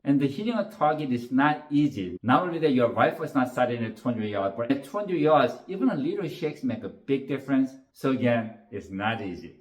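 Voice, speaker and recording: A man's voice: mid-range voice, lively intonation, brisk, few pauses, reverberant. A man who teaches shooting, narrating a match in an earnest, plain storytelling way, stringing his sentences together with "and". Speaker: shooting instructor.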